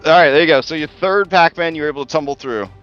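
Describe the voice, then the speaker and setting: A man's voice: a little high, racing, fairly bright tone, clean tone, highs cut off, faint music behind. A man working as game master, narrating a tabletop game in a casual, conversational way.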